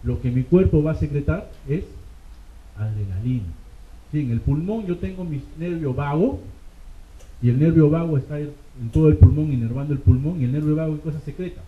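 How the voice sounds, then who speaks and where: A man's voice: fairly high pitch, fairly quick. A male medical exam lecturer, teaching through rhetorical questions and frequent "ok?" check-ins. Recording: tinny, echoey classroom recording.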